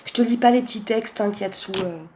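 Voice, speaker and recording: A woman's voice: fairly high pitch, fast, mellow, slight background noise. A woman casually presenting a card deck in a vlog, chatty, with many fillers and frequent laughs. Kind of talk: casual chat.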